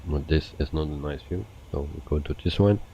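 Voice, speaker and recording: Man, very deep voice, mellow tone, casual stream host, relaxed chat, hesitant fillers. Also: a little fast, slightly rough, muffled recording. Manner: relaxed, chatty, frequent hesitations. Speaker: flight sim livestreamer.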